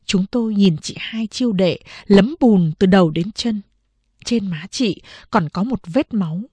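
Breathy woman narrating a novel. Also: mid-range voice, unhurried, a little mellow, dry recording. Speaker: audiobook narrator.

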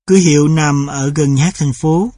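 A man reading a memoir-style story aloud in steady, measured scripted narration. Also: on the high side, dry recording, clean studio sound.

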